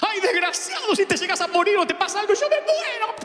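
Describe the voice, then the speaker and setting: A man mimicking a shrill, frantic scolding mother. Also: expressive, fast talker. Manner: shrill, near shouting. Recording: echoey hall.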